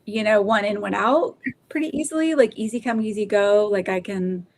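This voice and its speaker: A woman's voice: mid-range voice, normal speed. A woman co-hosting a casual podcast chat, talking in loose, rambling sentences full of fillers. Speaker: podcast co-host. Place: Oklahoma, US.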